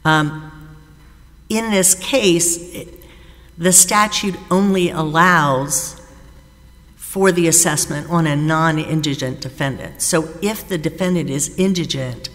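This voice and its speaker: Woman arguing an appeal in a courtroom. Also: low-pitched. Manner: measured, deliberate, with frequent "uh" pauses. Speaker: defense attorney. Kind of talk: formal appellate oral argument. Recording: reverberant courtroom sound.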